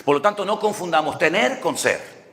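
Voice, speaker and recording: A man's voice: high-pitched, lively intonation, moderate pace, a bit bright, big-room sound. A man preaching a sermon in Canarian Spanish, telling stories in a conversational way and often asking rhetorical questions. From Canary Islands. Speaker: pastor.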